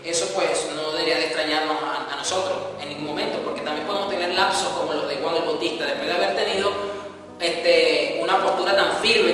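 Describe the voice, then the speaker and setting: A woman's voice: fairly low pitch, fairly bright tone. Female preacher, sermon delivery, emphatic scripture reading, distant mic in a reverberant hall. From Peru. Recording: echoey hall from far off.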